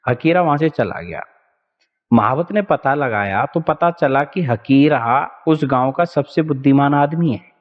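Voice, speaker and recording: A man teaching an exam-prep lesson, telling an anecdote in a chatty, animated way. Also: medium pitch, measured pace, in a large hall, phone-quality sound. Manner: animated, chatty, laughs often.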